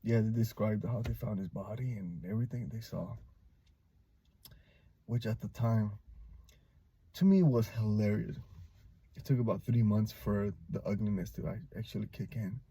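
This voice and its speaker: A man talks to his viewers in a deep, mellow voice with a husky, breathy edge. He speaks haltingly and somberly, stopping often and filling the gaps with hesitations. He sounds like a father sharing a hard personal memory. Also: no echo. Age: adult, a father. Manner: halting, somber, many pauses and fillers. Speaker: vlogger. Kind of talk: personal recollection to camera.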